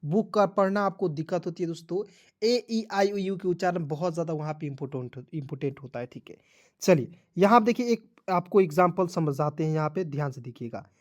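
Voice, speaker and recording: High-voiced man teaching pronunciation. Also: brisk. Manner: repetitive, drilling, addresses viewers as friends. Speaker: English teacher. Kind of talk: video lesson explaining spelling and pronunciation.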